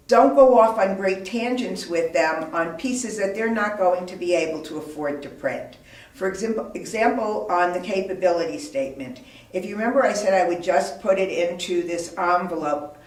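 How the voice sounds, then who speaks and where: A woman giving an informal instructional talk as a business owner, offering practical advice in an emphatic way. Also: on the low side. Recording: roomy, echoey, distant microphone.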